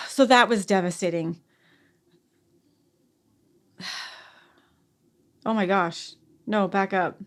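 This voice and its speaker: Speaking at medium pitch, a woman in her forties recounts a personal story as a guest on a podcast. The conversation is soft and halting, broken by frequent sighs and restarts.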